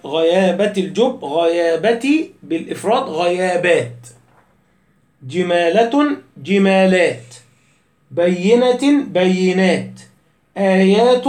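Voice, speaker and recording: A man teaching a lesson on Quranic spelling and recitation, listing words one by one and reciting the quoted verses slowly and deliberately. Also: high voice, darkish tone, reverberant.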